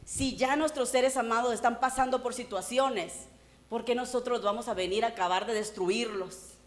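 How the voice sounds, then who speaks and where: A woman pastor preaching a sermon in church, animated and acting out the voices she quotes. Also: fairly high pitch, normal speed.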